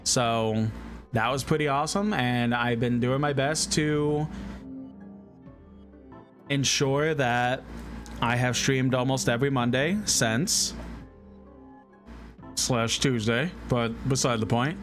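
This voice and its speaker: Man streaming games over loud music, rambling. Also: medium pitch, takes it slowly, pauses often. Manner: rambling, friendly greetings to viewers. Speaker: variety VTuber streamer. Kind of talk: casual live game streaming chat.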